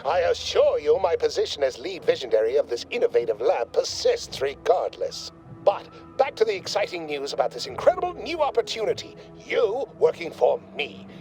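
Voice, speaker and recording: A man's voice: on the high side, darkish tone, low-quality recording. An actor playing a pompous male corporate scientist in a video game, speaking in verbose, condescending corporate jargon.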